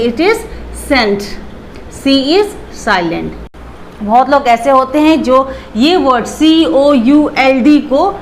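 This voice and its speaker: A woman's voice: high voice, slight background noise. A woman teaching a pronunciation lesson, spelling out letters and repeating each word. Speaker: English teacher.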